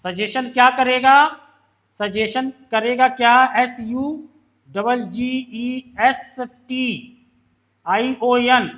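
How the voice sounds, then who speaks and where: High-voiced shorthand teacher. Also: male voice, fairly even intonation, very slow, a bit bright. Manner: explains step by step, asks students questions. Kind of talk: classroom lesson.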